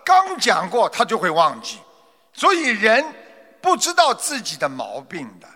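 A man telling a moral folk tale and then lecturing on its lesson, in an expressive, dramatic way. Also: high-pitched, unhurried, long reverb tail. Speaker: storyteller. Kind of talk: moral storytelling with commentary.

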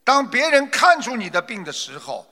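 A man telling a moral folk tale and then lecturing on its lesson, in an expressive, dramatic way. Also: very high voice, moderate pace, in a large hall. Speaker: storyteller. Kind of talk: moral storytelling with commentary.

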